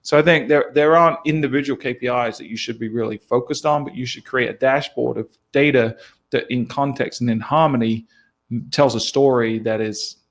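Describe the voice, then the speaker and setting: A man's voice: medium pitch, fairly even intonation, a little fast. Conversational male podcast host. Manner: conversational, explains marketing with frequent "right?" and restarts. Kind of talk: casual podcast chat.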